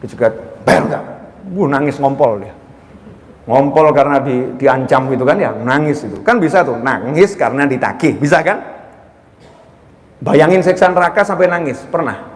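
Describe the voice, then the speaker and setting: A man preaching an Islamic sermon in a lively, conversational way, with jokes and acted-out voices. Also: mid-range voice, moderate pace, in a large hall.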